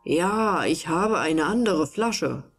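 A woman reading a storybook voices a poor, eager farmer, making him polite and plain-spoken. Her voice for him is low and even, barely different from her narrating voice, and she takes it slowly. The mood is joyful, with faint music in the background.

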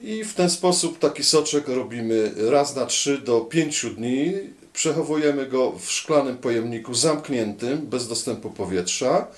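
A man's voice: mid-range voice, lively intonation, measured pace, echoey room. Polish man giving a casual home demonstration. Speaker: pet owner presenting homemade juice for parrots.

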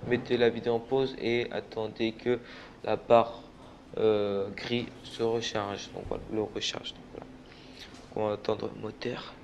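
A young man talks through a racing game in a loose, tired ramble, stumbling over words and swearing as he goes. His voice sits at an ordinary middle pitch. Car and engine sounds from the game stay clearly audible behind him. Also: a little mellow, a little hiss or hum. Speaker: gaming channel host. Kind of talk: casual gameplay commentary.

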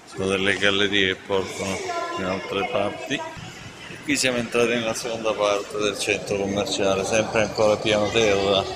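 A man's voice: on the low side, level tone, moderate pace. A man vlogging as he walks through a shopping mall, narrating casually in a playful, enthusiastic, teasing way. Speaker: travel vlogger. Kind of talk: casual walking-tour narration. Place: large indoor shopping mall. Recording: noisy mall ambience.

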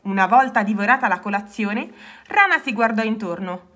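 A woman reading a children's story aloud, expressive. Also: medium pitch, normal speed.

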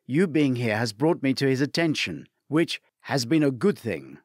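A man voicing a shy, nervous young male waiter in an audiobook, speaking quickly. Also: medium pitch, very animated, darkish tone, no room sound, clean studio sound.

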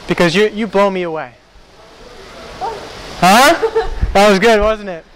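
A man's voice: high-pitched, fast, poor audio. A young man doing casual street banter with strangers as a prankster, hesitant, repeating himself and pushing for answers. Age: young adult. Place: outdoors at a beach and shopping plaza. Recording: outdoor camera audio with loud wind and surf.

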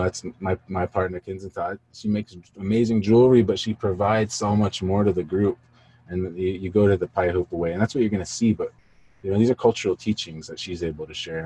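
A man's voice: deep voice, darkish tone, a little hiss or hum, rough recording. A man in his thirties, a community organizer, talking earnestly and a bit rambling on a video call. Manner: earnest, rambling, many fillers. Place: indoor room, studio gear behind.

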